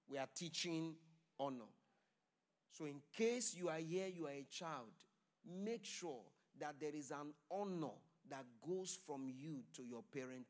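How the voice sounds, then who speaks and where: A man preaching a sermon, pleading with his congregation and calling for their responses. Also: fairly high pitch. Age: adult. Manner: loud declaring blessings.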